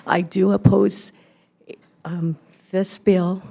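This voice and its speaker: A middle-aged woman giving earnest, halting public testimony at a podium microphone in a legislative hearing room. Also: medium pitch, flat delivery, gravelly, warm tone.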